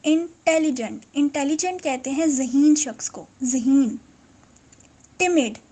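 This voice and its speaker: A woman teaching English vocabulary, repeating each word slowly and clearly. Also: high voice, dark tone. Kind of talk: vocabulary lesson.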